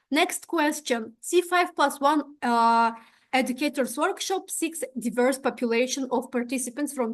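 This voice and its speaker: Explaining an exchange program application step by step, a young woman from Tajikistan speaks in a high voice, often saying "uh" and asking "right?" She is a young adult whose first language is Russian, and the talk is an instructional walkthrough presentation.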